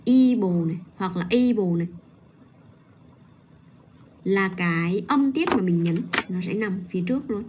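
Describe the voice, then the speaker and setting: A woman teaching pronunciation on a livestream, patiently modeling and repeating each word slowly. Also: medium pitch, background noise. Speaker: English teacher.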